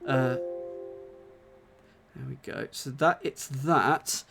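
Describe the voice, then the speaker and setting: A man's voice: mid-range voice, over loud music. A man solving a puzzle on a livestream, reading clues aloud with frequent restarts and asides. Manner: reads aloud haltingly, with many restarts and asides. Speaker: puzzle solver. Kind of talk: casual chat while solving a puzzle on a stream.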